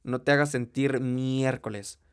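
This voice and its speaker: A man's voice: medium pitch, steady tone, measured pace, smooth. A young man with a Mexican accent giving a blunt, profane motivational monologue straight to the listener. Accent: Mexican Spanish. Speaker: motivational speaker.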